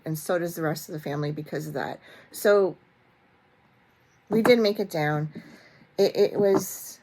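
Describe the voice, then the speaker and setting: Chatty woman vlogger, slightly low voice. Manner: chatty and animated, with many fillers and restarts; self-mocking humor. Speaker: vlog host. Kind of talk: casual storytelling chat to camera.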